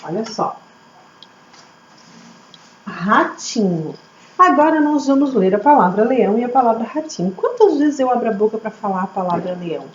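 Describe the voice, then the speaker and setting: A woman teacher, slowly sounding out words syllable by syllable for young children. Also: a little high. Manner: slow, syllable-by-syllable, lively teacher questions. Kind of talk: early literacy lesson for children. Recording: echoey room, slightly dull audio, faint hum.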